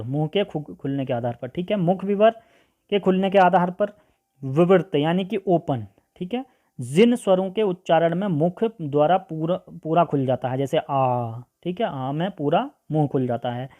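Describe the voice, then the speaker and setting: Over phone-quality audio, an expressive teacher with a medium-pitched voice takes an unhurried approach to an online grammar class. Each vowel gets sounded out individually, questions are raised and then self-answered, and nearly every point ends with a check-in of "ठीक है," meaning "okay."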